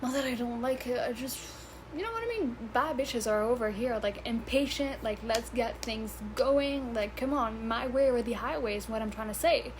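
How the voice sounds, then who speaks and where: Rambling on her vlog at normal speed, a woman in her twenties giggles, swears and trips over words in English, which is her third language rather than her first. Her voice is a little high, and there's a noisy background.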